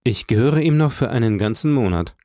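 A man reading an audiobook, voicing a withdrawn, grieving young soldier who speaks quietly. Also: mid-range voice, animated, brisk, no room sound, clean studio sound, close to an everyday voice. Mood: subdued. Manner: quiet, subdued. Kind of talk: audiobook character voice.

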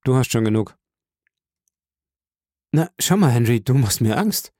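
A man voicing a theatrical, excitable young friend who gushes and wails dramatically in an audiobook. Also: mid-range voice, a little slow, no echo, clean studio sound, close to an everyday voice. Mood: bewildered. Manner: theatrical, swings from gushing to wailing.

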